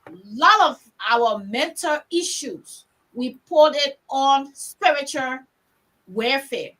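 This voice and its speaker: A woman's voice: high voice, expressive, slow pace, a bit bright, rough recording. A woman from Liberia with a Liberian accent, moderating a panel discussion in an emphatic, storytelling way that repeats words for stress.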